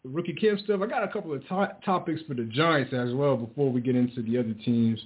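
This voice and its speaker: A man co-hosting casual sports talk, loosely and haltingly working his way toward questions. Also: mid-range voice. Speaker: sports show co-host. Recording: tinny phone-like line.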